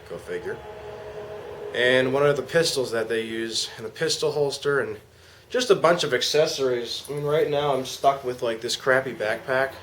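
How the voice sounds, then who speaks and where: A man's voice: medium pitch, moderate pace, a bit bright. Casual man reviewing gear over noise. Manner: informal, slangy. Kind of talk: casual product demonstration. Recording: clear background noise.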